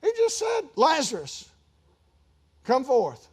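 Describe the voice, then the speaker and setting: A man with a high, light voice preaches a sermon. He talks it through like a conversation, then climbs into loud, emphatic runs and drops back to asides. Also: wildly swooping pitch, slow pace, husky. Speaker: pastor.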